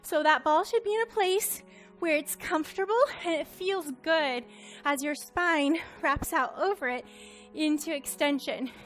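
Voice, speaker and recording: A woman's voice: high voice, measured pace, soft background music. A woman instructor cueing a Pilates workout, counting reps and encouraging, a little out of breath. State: slightly out of breath.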